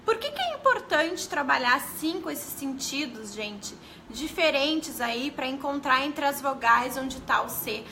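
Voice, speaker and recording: A woman's voice: high-pitched, animated, a little slow, creaky, few pauses, pushed and bright, a little hiss or hum. A woman teaching a live class about early literacy in a chatty way, talking straight to her viewers and often stopping to correct herself. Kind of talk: casual live-stream teaching.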